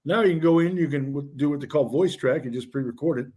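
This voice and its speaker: A man's voice: fairly high pitch, fast, darkish tone, husky. A man who works in radio and media, chatting casually in an interview and telling stories with easy, self-deprecating humor.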